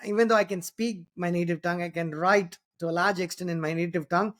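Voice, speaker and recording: A podcast host from Tamil Nadu in southern India, a native Tamil speaker with an Indian accent, talks fast in a high, steady, fairly bright voice. In this casual interview he rambles through long, winding sentences, restarting often and dropping in "you know" and "right?" tags.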